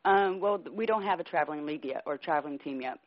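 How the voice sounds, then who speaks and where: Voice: mid-range voice, quick pace, dry recording, muffled recording. A roller derby player on a radio show, giving short, hesitant answers. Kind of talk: casual radio chat.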